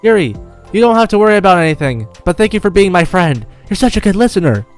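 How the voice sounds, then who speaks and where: A man's voice: high voice, sing-song, fast, faint music behind, voice pushed up. A man voicing a cheerful, bossy teenage girl who runs a school club, in a raised girlish voice. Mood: chirpy.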